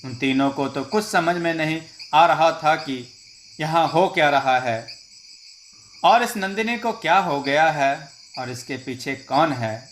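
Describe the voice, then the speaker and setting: A man narrating a scripted horror story in a slow, dramatic storytelling manner. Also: a little high, a bit bright, a little hiss or hum.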